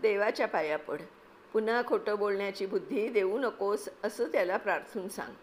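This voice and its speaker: A woman's voice: medium pitch, slight background noise, natural voice. A woman reading aloud, voicing a stern but loving village mother who scolds firmly. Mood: reproachful. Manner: firm, scolding, measured.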